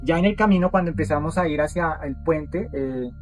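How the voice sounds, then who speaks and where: An interview guest shares a testimony in casual first-person storytelling, his slightly high, a little mellow voice halting with lots of "eh," restarts, and repeated words. Music plays underneath him the whole time.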